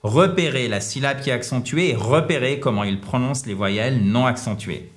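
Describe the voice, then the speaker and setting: Male English teacher, lively and teasing, mid-range voice. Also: medium pitch, moderate pace. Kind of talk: explaining pronunciation in French.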